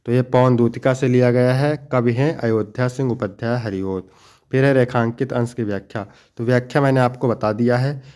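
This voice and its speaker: A young male teacher patiently walks through exam questions one by one. He explains each answer step by step, slows down to stress the most important points, and speaks to his students with fond familiarity. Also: mid-range voice, steady tone, a little mellow, clean tone. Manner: addresses students fondly. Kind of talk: exam-prep lesson.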